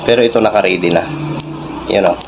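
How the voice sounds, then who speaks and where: A Filipino vlogger and radio hobbyist guides viewers through a hands-on tech demo in a fairly low voice. He explains things informally, with halting phrasing, while faint background noise lingers behind him.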